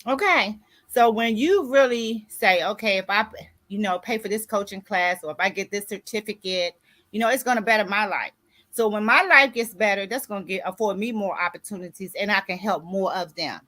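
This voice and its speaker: A woman's voice: medium pitch, fairly quick, bright, forceful tone. A woman in her sixties, an author and grief coach, giving a motivational talk in a preachy way and often asking "you see what I'm saying?". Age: 60s.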